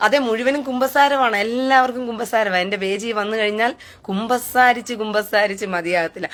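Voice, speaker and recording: A woman with a slightly high voice talks straight into her live stream. She is scornful and taunting, and keeps firing back mocking questions. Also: fairly quick, fairly bright tone.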